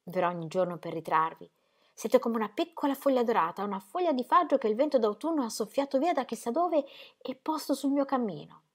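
A woman's voice: on the high side, expressive, fairly quick, pitched above the performer's own voice. A woman reading the part of a weary, charming man, a painter, in a languid, playful, theatrical manner. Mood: flirtatious.

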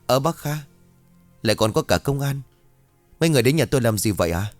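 A man's voice: mid-range voice, expressive, quick pace, no room sound, faint music behind, close to an everyday voice. A man doing a cursing, hot-tempered village father. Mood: polite. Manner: angry, cursing.

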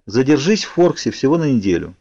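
A man voicing a stubborn, quick-witted teenage girl in a persuasive, pleading manner, on a dull lo-fi audiobook recording. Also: on the high side, expressive, darkish tone, dry recording, voice pushed up.

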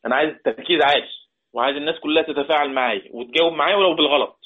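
A man's voice: a little high, rapid-fire, slightly rough. A man with an Egyptian Arabic accent teaching a patient lesson. He repeats key words and asks his listeners to answer him. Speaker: Quran recitation teacher. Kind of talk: explanatory lesson. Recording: tinny phone-like line.

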